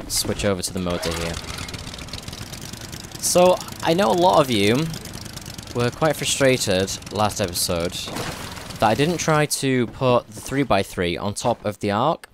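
A man's voice: fairly low pitch, sing-song, unhurried, long pauses, background noise. A man giving casual, chatty commentary over his own gameplay, thinking aloud and correcting himself as he goes. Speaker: gaming YouTuber. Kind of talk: casual let's-play commentary.

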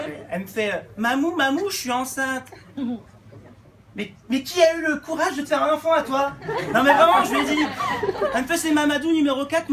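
A woman playing a loud, unhinged middle-aged mother of many kids in a live stand-up sketch, barking orders and rambling with constant fillers. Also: sits high, lightly acted. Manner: brash, rambling, barks orders, filler-heavy "hein". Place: comedy club stage. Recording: noisy live club recording.

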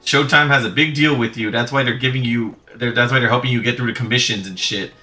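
Brief: young male let's play host, bright sharp voice, animated and profane, music under it. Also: medium pitch, fast talker. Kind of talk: casual gaming chat.

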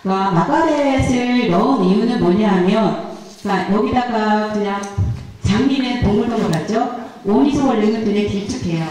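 Speaking at a moderate pace in a medium-pitched voice, a middle-aged woman talks casually through her flower arrangement at a church seminar, presenting her work as an instructor in a chatty, self-deprecating manner. Her handheld mic feeds the speakers of a large indoor church hall; the sound echoes, she seems far away, and there's background noise.

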